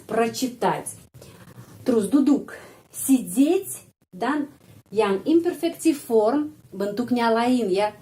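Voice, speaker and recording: A woman teaching a language lesson, explaining words slowly and deliberately. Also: mid-range voice, a little mellow. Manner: slow, deliberate, spells out foreign words carefully.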